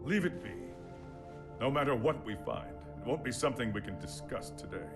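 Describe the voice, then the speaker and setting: A man's voice: mid-range voice, lively intonation, brisk, gravelly, music in the background. An actor playing a blunt, commanding king in a video game, authoritative and emphatic. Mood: grudging. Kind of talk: video game cutscene acting.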